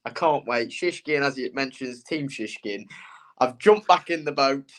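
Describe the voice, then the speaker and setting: An excitable male co-host talks horse racing tips in a casual chat. His voice sits at an ordinary middle pitch and he tells his stories with lively energy. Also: unhurried. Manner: excitable, animated storyteller.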